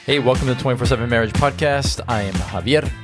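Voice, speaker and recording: A man's voice: mid-range voice, quick pace, music in the background. A man co-hosting a marriage podcast in a casual, rambling chat full of fillers. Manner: rambling, many fillers, laughs easily. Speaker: podcast co-host.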